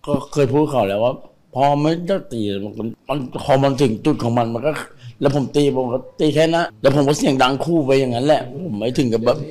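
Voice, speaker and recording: A man's voice: mid-range voice, darkish tone, rough recording. A man answering questions in a pleading, self-justifying way. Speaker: father being questioned. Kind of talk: defensive news interview.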